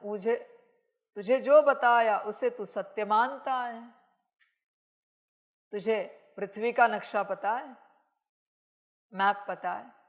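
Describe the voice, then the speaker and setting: Slow, high-voiced woman preaching as a father. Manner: speaks as a father addressing her children, admonishing; emphatic rhetorical questions. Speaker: spiritual messenger. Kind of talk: channeled sermon as a divine father.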